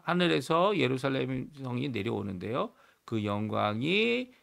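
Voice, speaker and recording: A man's voice: medium pitch, gravelly. A man pastor giving an earnest teaching sermon at a morning prayer service, stressing words with rising emphasis. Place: church, morning prayer livestream.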